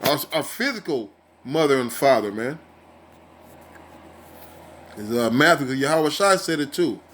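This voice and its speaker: A man's voice: mid-range voice, lively intonation, a little slow, fairly bright tone, a little hiss or hum. A man teaching from scripture in a casual, heated style, reading verses and then ranting with profanity and many fillers, often ending his phrases with "man". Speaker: street preacher.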